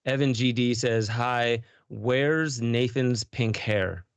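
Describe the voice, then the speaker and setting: A man's voice: medium pitch, takes it slowly, clear, resonant tone, dry recording. A man in his thirties hosting a podcast in casual, jokey chat. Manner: easygoing, jokey. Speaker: podcast host.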